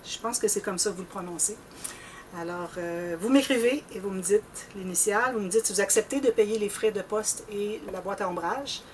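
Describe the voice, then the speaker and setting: A Québécois woman chats casually to her viewers in a loose, rambling way, clearing her throat now and then. Her voice sits at a middling pitch and sounds a little distant from the microphone, with faint noise underneath. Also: moderate pace. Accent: Québécois French. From Canada. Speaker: scrapbooking channel host.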